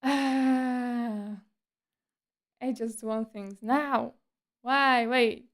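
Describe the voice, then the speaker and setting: A woman's voice: on the high side, fairly even intonation, drawn-out words. A woman streamer chatting casually in a livestream monologue, with a breezy, playful and slightly coy, teasing manner.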